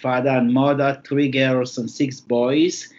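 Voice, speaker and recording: A Cameroonian interview guest, a native Lamso speaker with a Cameroonian English accent, answers questions in careful, formal phrasing with thoughtful pauses. His medium-pitched voice is a little mellow with little pitch movement, and the audio sounds dull.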